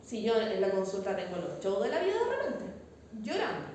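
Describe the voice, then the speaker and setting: A woman's voice: mid-range voice, big pitch swings, a little fast, a little mellow. Chilean woman lecturing in an echoey classroom. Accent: Chilean Spanish. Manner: conversational, checks understanding with frequent tag questions. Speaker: instructor teaching a class. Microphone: far from the mic. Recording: very echoey classroom, far-off mic, some noise.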